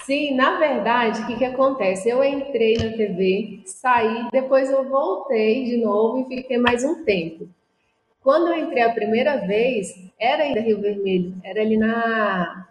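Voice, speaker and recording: A young woman from Luziânia, Goiás, Brazil, who is a former TV reporter and now owns a communications business, answers interview questions as a guest in a reflective, conversational way, often saying "e aí" and "assim". Her voice is a little high. The room is echoey, with slight background noise.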